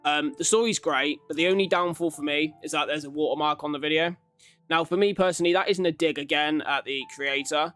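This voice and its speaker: A man hosts a YouTube reaction video, giving casual ranking commentary in a rambling, informal, conversational way over background music. His voice is a little high, with a sharp, clean tone.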